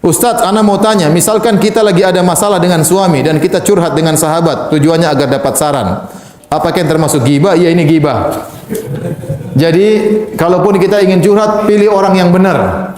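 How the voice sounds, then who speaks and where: A man preaching in a religious question-and-answer lecture, moving between soft and emphatic delivery and chuckling now and then. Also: high-pitched, brisk, reverberant. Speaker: Islamic preacher.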